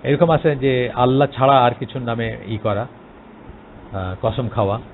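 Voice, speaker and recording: A man's voice: medium pitch, measured pace. A man with a Bangladeshi Bengali accent giving an explanatory religious lecture, hesitant, with many filler sounds and English words mixed in. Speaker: Islamic lecturer. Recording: tinny phone-like line, faint noise.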